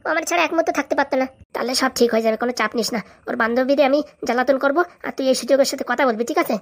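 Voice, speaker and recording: A woman performing a comic sketch, trading rapid, bickering banter. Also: high voice.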